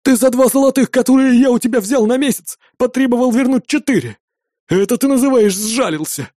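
A man's voice: very high-pitched, brisk, warm tone, no echo, clean studio sound, voice pushed up. A man voicing a frightened male peasant who stammers and protests. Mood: indignant. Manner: indignant, faltering.

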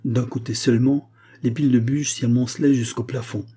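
Male audiobook narrator, mellow and husky, measured first-person storytelling. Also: mid-range voice, fairly even intonation.

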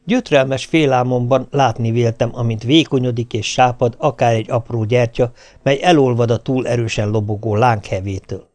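A man narrating an audiobook of a comic novel. He reads in a middle-pitched voice, and his delivery is lively and expressive, shifting tone to carry the story along. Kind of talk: audiobook reading of a humorous novel.

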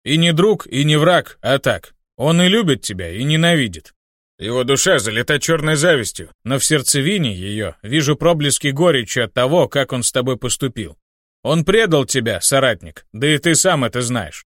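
A man voicing an ancient, gloating male demon who speaks in gruff, unhurried pronouncements in an audiobook. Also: mid-range voice, very animated, a bit bright, no room sound, studio quality. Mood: grim.

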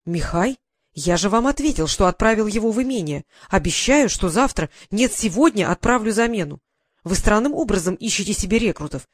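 A man's voice: sits high, animated, brisk, dry recording, studio quality. A man voicing a haughty, cowardly estate manager who speaks in a prim, indignant way.

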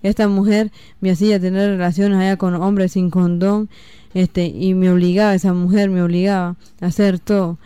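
Halting young Nicaraguan woman, flat and mellow. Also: lowish voice, clean tone, no room sound. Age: young adult. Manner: halting, many "este" fillers. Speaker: interviewee giving testimony. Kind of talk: personal testimony.

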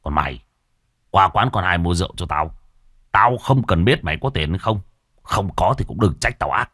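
A man's voice: low voice, expressive, fast, a bit bright, no echo, clean studio sound, full character voice. A man voicing a drunk, violent middle-aged husband who curses and threatens. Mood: raging. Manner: snarling, coarse and threatening.

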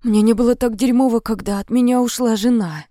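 A woman's voice: fairly high pitch, steady tone, fairly quick, dark tone, no room sound, clean studio sound, close to an everyday voice. A woman voicing a hungover, crude bald man who groans and swears, in an audiobook reading. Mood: groaning.

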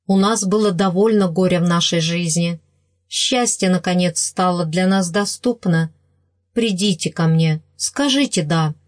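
A woman voicing an earnest middle-aged man from a storybook, who proposes marriage with slow, pleading insistence. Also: on the low side, no echo, studio quality, natural voice.

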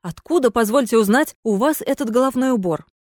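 A woman's voice: lively intonation, a little fast, a little mellow, dry recording, studio quality. A woman voicing a ghostly lady of an old manor who turns from haughty to desperate and imploring in a read-aloud story. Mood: dignified. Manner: shrill and imploring. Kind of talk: audiobook character voice.

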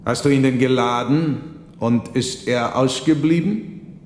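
A man voicing a sinister, uninvited monk who declaims in a loud, raised voice. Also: mid-range voice, unhurried, slight background noise, pitched above the performer's own voice, close to an everyday voice. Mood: ominous. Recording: roomy reverberant hall.

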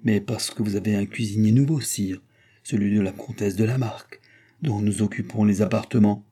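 A man reading aloud and voicing a sad, sharp-witted queen who speaks in a cool, pointed way. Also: fairly low pitch, steady tone, normal speed, slightly rough.

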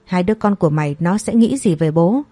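A woman voicing a blunt, excitable older sister who scolds and exclaims. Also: on the low side, fairly quick, breathy edge, no echo, faint music behind. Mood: scolding.

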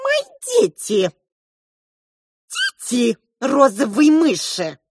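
A woman reading an audiobook and voicing a stern, commanding pink mouse who shouts orders. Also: on the high side, sing-song, takes it slowly, husky, no room sound, clean studio sound, pitched above the performer's own voice, heavily acted.

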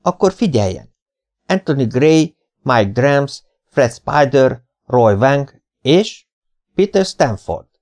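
A man's voice: mid-range voice, big pitch swings, a little mellow, pitched above the performer's own voice. A man reading an audiobook, voicing an eager male officer who reads out a report. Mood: excited. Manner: eager, announcing.

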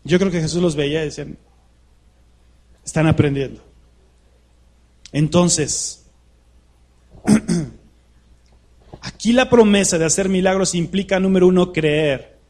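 Male preacher, light high voice, chatty sermon style, keeps asking the room questions. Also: slow pace, long pauses, a little mellow. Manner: conversational preaching full of rhetorical questions to the congregation. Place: church hall with a live congregation.

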